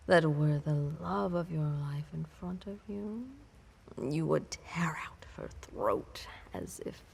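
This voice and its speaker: Sounding darkly hungry, a woman performs a heavily acted, ancient and imperious vampire mistress for an intimate audio roleplay. Her expressive voice sits low, and she speaks in a theatrical, breathy half-whisper, drawing out words with predatory, seductive menace.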